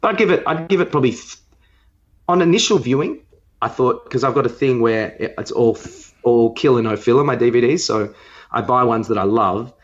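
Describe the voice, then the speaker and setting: A podcast co-host, a man with a medium-pitched voice, chats about films in a casual, rambling review, freely sharing his opinions. He's animated and talks a little fast, and the sound is lo-fi.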